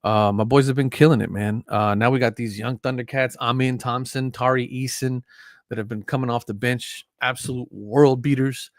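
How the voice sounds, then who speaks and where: Chatting casually on a live stream, a man in his early forties rambles along with plenty of fillers and restarts. He speaks at normal speed in a medium-pitched, steady voice, recorded close and dry with no room sound.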